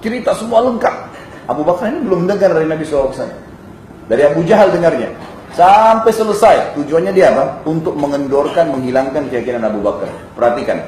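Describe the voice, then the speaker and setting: A man preaching, telling a story with lively emphasis and speaking directly to his audience in a mosque hall. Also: fairly high pitch, fast, slight background noise. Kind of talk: storytelling sermon. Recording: echoey hall with faint ambience.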